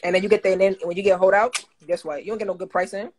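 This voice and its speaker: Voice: medium pitch, steady tone, very fast, a little mellow, a little hiss or hum. A co-host in a casual chat, making crude, joking comparisons.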